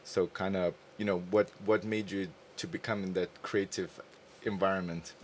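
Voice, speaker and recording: A man with a very low voice hosts a radio interview. He asks his questions haltingly, filling the gaps with ums and you-knows. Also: fairly even intonation, a little hiss or hum. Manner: hesitant, many fillers. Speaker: radio show host. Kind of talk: casual interview.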